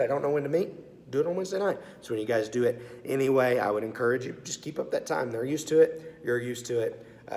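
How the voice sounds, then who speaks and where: A man's voice: medium pitch, darkish tone. Congested man in an echoey room. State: congested, sore-throated voice from sinus infection. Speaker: assistant pastor of student ministry. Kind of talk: casual video message to youth leaders. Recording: echoey, reverberant room sound.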